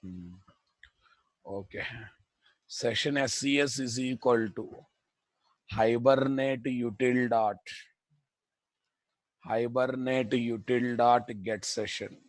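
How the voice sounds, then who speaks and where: A man's voice: mid-range voice, steady tone, slow, pauses often, no echo, poor audio. A man with a Telugu Indian accent lecturing on code as an instructor, repeating phrases and prodding students with blunt questions. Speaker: programming instructor. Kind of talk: live coding lecture to students.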